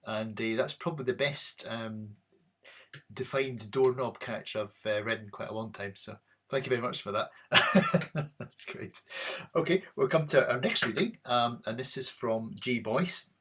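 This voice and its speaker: A man with a husky voice hosting an online reading event. He introduces the next author in a halting way, with many pauses. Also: mid-range voice, a bit bright. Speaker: event host.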